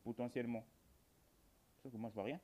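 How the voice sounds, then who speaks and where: A gamer's mellow, mid-range voice moves at a brisk clip with fairly even intonation. He chats to his viewers over horror gameplay, wandering from point to point in everyday speech and slipping in dry jokes.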